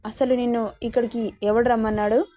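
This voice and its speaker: A woman voicing a calm young man who gently coaxes and teases the heroine. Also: on the high side, a little fast, close to an everyday voice. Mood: coaxing. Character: young man, calm, teasing, protective hero.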